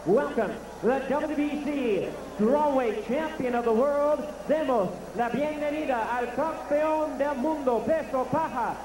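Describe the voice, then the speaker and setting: A man working as a ring announcer, making formal bilingual boxing introductions in a grand, ceremonial manner with drawn-out names. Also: very high voice. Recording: echoey arena PA, noisy background.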